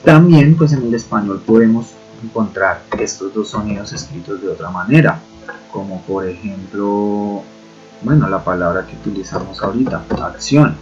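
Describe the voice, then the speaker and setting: A man teaching an online class, patiently explaining and repeating sounds slowly. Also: lowish voice, a little mellow. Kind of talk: online lecture on Greek roots. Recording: dull lo-fi audio with faint music.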